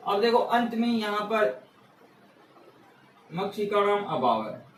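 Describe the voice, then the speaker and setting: A man's voice: sits high, very animated, takes it slowly, slight background noise. Male tutor, exam-prep lesson at a board, repeats key words, echoey room. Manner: asks questions and answers them himself, repeats key words; patient, step-by-step explaining. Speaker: teacher. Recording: echoey room, mic far off.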